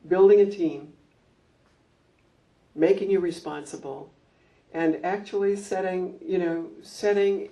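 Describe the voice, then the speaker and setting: An older woman, a former school principal, reminiscing at a community gathering in an anecdotal, measured way with frequent ums. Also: fairly low pitch, gravelly, mellow, dull audio. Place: library meeting room. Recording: distant mic.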